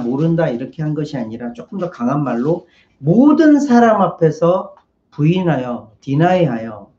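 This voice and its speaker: Korean pastor preaching in a roomy church. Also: male voice, a little high, mellow, muffled recording. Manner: acts out the maid's and Peter's lines in a raised voice. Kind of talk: sermon. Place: church sanctuary.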